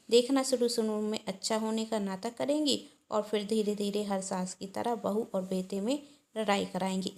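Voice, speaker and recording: A woman's voice: medium pitch, darkish tone, lightly acted. A woman voicing a scheming young daughter-in-law who speaks sweetly but falsely, in a family storybook reading.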